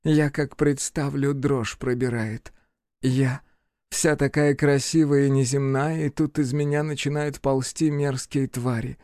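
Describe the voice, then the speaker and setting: A man voicing a stubborn, resigned young witch woman in an audiobook, speaking quietly and slowly. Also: mid-range voice, flat delivery, no room sound, clean studio sound, close to an everyday voice. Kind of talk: audiobook character voice.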